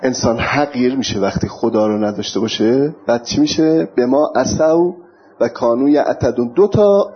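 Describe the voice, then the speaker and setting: Man lecturing in a dull lo-fi recording. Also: medium pitch. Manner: lecturing, recites verses in Arabic, jokes with audience. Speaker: religious teacher. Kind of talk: sermon. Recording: dull lo-fi recording with faint noise.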